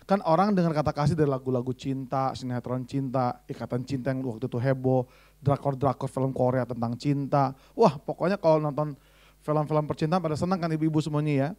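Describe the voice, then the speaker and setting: A man's voice: mid-range voice, steady tone, a little fast, darkish tone. A man preaching a sermon full of humorous stories, in a chatty, teasing way that keeps asking the congregation questions.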